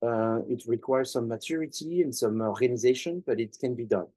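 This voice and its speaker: A man's voice: mid-range voice, brisk, warm tone, breathy edge, dry recording, low-quality recording. A man lecturing students as a professor, speaking conversationally and repeating points for emphasis.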